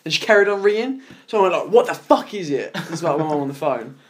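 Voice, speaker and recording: A man's voice: on the high side, fast talker. A young man, casually telling a school story on a podcast with lots of swearing. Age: young adult. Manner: swearing, animated, mocks others. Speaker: podcast co-host. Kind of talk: casual storytelling among friends.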